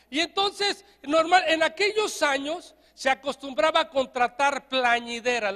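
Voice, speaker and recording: High, bright-voiced Mexican pastor preaching. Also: male voice, in a large hall. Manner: animated, jokey, has the congregation repeat after him. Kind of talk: lively sermon. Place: church.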